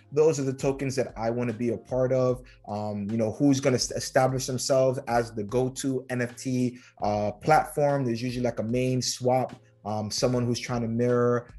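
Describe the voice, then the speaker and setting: Relaxed man casually walking viewers through. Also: medium pitch. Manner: relaxed, filler-heavy, addresses viewers as guys. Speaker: crypto channel host. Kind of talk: casual screen-share walkthrough. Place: home room.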